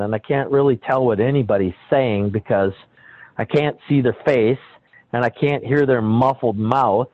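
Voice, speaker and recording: A man's voice: mid-range voice, dry recording. A man calling in and telling a personal story, animatedly acting out what other people said. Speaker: caller. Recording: tinny phone line.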